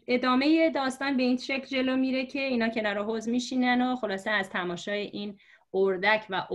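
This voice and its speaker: A woman teacher telling a story to explain letters, patient and slow, with many fillers. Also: a little high, fairly bright tone. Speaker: religious script teacher. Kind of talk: storytelling lesson for learners.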